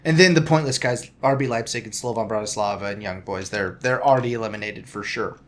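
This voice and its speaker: A man with a lowish voice hosts a casual soccer podcast, talking at a quick pace. He rambles, frequently restarting and correcting himself.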